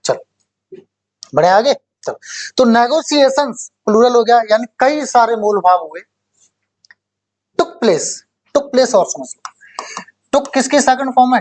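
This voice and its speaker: A male English teacher giving a classroom lecture for exam prep. He explains slowly, repeats key words and keeps quizzing the class. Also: extremely high pitch. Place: coaching classroom.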